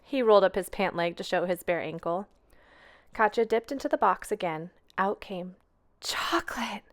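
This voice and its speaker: A woman reading a children's storybook aloud in a gentle, expressive, unhurried way. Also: medium pitch. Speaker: storytime reader.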